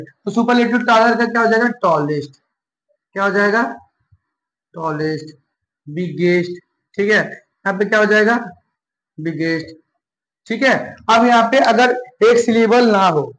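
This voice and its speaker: A man teaching an English grammar live class, slowly repeating each point and asking questions he answers himself. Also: high voice. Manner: slow and repetitive, asks and answers his own questions. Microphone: live class recording. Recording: echoey room with faint noise.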